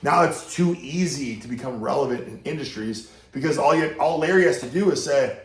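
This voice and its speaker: A hoarse man rambles bluntly to camera, swearing here and there. His voice is gravelly and his pitch is average for a man. The room around him gives a roomy echo. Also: animated, a little fast. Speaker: fitness YouTuber reacting to a video. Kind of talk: casual rambling chat to camera. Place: indoor room at home with a TV behind him.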